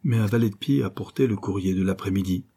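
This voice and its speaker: A man's voice: fairly low pitch, quick pace, mellow, slightly rough. A man narrating a novel in a dramatic, suspenseful reading style. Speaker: audiobook narrator.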